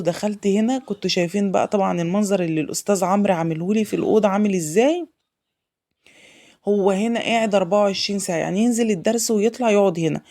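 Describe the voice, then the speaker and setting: A woman's voice: medium pitch, gravelly, dark tone. A woman with an Egyptian accent and a sore throat, chatting effusively at home in a casual vlog and piling up thanks and oaths. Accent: Egyptian Arabic. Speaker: homemaker vlogger.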